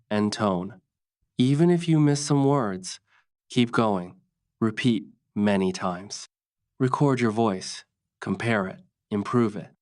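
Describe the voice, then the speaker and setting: Slow, smooth-voiced male English tutor. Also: lowish voice. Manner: slow, plain, instructive sentences. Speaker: English teacher. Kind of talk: scripted narration of an accent lesson.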